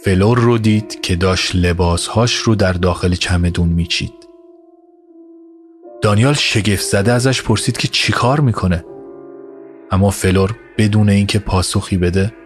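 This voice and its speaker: A man narrating an audio story in a measured, even way. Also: low-pitched. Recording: narration over music score. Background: music score.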